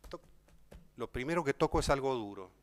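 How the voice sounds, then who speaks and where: Giving a talk, a man with an Argentine Spanish accent shares a personal story, turning to his listeners directly and repeating words often in an emotional, conversational style. He has a medium-pitched, expressive, clean-toned voice and speaks a little fast.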